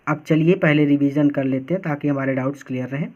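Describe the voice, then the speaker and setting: A man's voice: fairly high pitch, fairly even intonation, fast, darkish tone. A male teacher giving a lesson, reading English lines and explaining them patiently in Hindi, repeating each point. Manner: patient and repetitive. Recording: dull, lo-fi recording.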